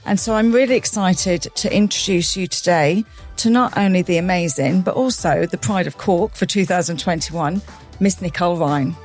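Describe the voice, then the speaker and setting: A woman's voice: on the low side, moderate pace, a little mellow, soft background music. A woman hosting a podcast interview, effusive and enthusiastic as she welcomes her guest. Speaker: podcast host. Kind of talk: conversational interview.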